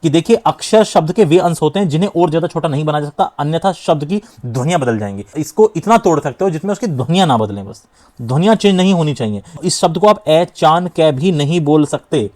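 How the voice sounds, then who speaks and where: A young man teaching grammar for exam prep, emphatic and repetitive, slowly sounding out syllables to demonstrate. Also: on the high side, lively intonation, a little mellow. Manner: emphatic, repeats key points, often says "dhyaan deejiye". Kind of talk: exam-prep lesson at a board.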